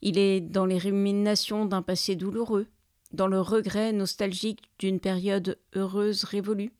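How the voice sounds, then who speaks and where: Calm woman storyteller, dry close sound. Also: mid-range voice, normal speed, no room sound. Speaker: storyteller and podcast host. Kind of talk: storytelling and reflective commentary.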